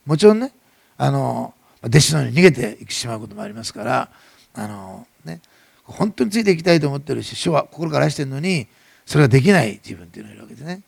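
A middle-aged male pastor with a Nagasaki dialect, preaching a sermon that swells loud and then drops soft. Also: mid-range voice, sing-song, fast, vocal fry, breathy edge, no room sound.

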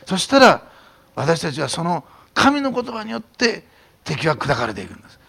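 A man preaching a sermon as a pastor, telling stories in an animated way and sometimes dropping to a whisper. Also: a little high, moderate pace, creaky, husky. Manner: animated storytelling, drops to a whisper at times.

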